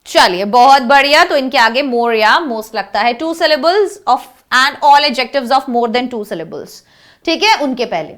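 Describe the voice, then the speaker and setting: A woman's voice: high-pitched, lively intonation, a bit bright. A young woman teacher with an Indian accent, teaching a grammar lesson in a mix of Hindi and English and often checking that the class understands. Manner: mixes Hindi and English, drawls example words slowly, then explains in quick bursts.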